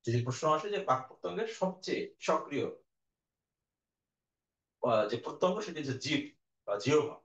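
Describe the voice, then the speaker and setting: In a recorded class lecture, a male teacher with a fairly high, animated voice explains things slowly and patiently, sounding out vowels aloud and speaking straight to his students. The room audio is dull and echoey.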